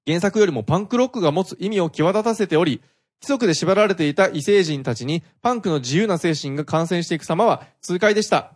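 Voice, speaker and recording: A man hosting a casual film-talk podcast, reading listener mail and chatting with co-hosts. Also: high-pitched. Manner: reads listener mail, then chats loosely. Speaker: podcast host. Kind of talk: casual film review chat.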